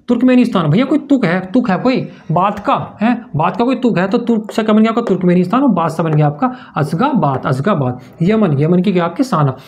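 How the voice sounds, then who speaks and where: A man's voice: high-pitched, darkish tone. A man teaching memory tricks in a lesson, asking questions and answering them himself in a sing-song way. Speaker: exam-prep teacher. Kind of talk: mnemonic lesson to camera.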